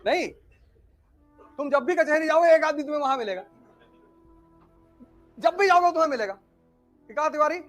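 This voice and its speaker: A man giving a humorous motivational talk, telling stories with animated swings between loud and hushed delivery. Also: very high-pitched, moderate pace, long pauses, faint music behind. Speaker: motivational speaker.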